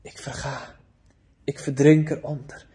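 A man preaching a sermon, emphatic, with big swings in loudness and pitch and rhetorical questions. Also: little pitch movement, a little slow.

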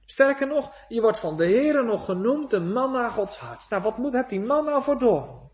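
A man preaching a sermon, moving from quiet, hushed passages to rising, pleading cries. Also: very high voice, sing-song, moderate pace.

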